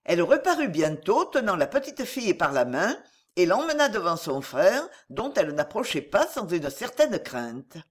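A woman narrating a fairy tale in a measured, expressive storybook reading. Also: on the low side.

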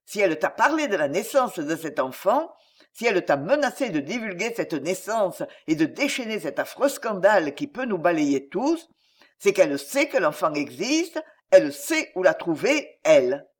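A woman's voice: very animated, normal speed. Woman playing a jealous, menacing noblewoman. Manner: intense, low and cold, menacing. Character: fiercely jealous, passionate scheming noblewoman.

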